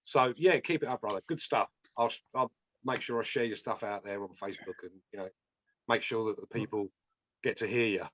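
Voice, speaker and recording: A man with a low-leaning voice speaks briskly as a guest reviewer in a casual video call chat, giving an enthusiastic, encouraging review. The recording comes through a dull lo-fi mic.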